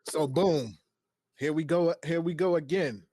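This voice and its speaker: A man's voice: a little high, measured pace, dark tone. Man hosting a laid-back podcast. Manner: conversational, thinks aloud with restarts. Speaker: podcast host. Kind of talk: casual podcast chat.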